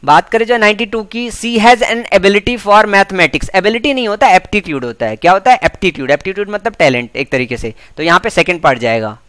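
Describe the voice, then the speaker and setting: An Indian man teaching English exam questions, explaining each answer and repeating key words, reading English sentences slowly. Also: high voice, big pitch swings, fairly bright tone, no echo. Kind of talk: exam prep lecture.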